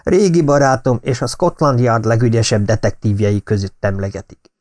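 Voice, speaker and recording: A man's voice: mid-range voice, a little mellow, dry recording, lightly acted. A man voicing a serious, suspicious young woman who insists on danger. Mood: insistent.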